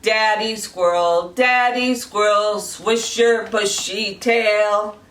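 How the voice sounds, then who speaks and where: A woman singing as a daddy squirrel, pushing her voice lower. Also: fairly even intonation, fairly bright tone. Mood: playful. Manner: sung in a deliberately lower voice. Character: daddy squirrel, grown male. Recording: roomy, distant mic, faint noise.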